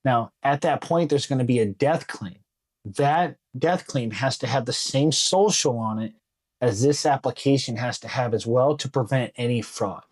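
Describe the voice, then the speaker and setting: A man's voice: medium pitch, moderate pace. A man teaching insurance sales, talking casually and acting out parts of phone calls with clients. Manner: casual, acts out client dialogue. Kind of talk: sales coaching talk with role-played calls.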